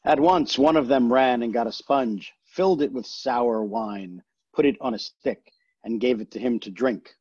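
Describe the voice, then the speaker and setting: Husky man reading scripture solemnly. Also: mid-range voice, normal speed, darkish tone, no echo, dull audio. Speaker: scripture reader. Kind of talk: reading scripture aloud in worship.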